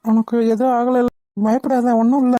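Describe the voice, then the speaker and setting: A woman's voice: fairly high pitch, flat delivery, moderate pace, loud music behind the voice. A woman voicing a cartoon, speaking with dramatic, emotional delivery. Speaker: narrator and voice of all figures. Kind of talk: cartoon voice acting.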